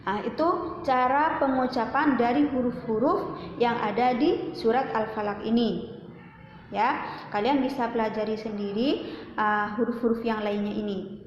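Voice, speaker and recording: High-voiced woman teaching Quran recitation, echoey. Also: steady tone, a little hiss or hum. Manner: slow, patient explaining with repeated drills. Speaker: religious teacher. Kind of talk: Quran recitation lesson for children. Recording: roomy echo, dull lo-fi sound.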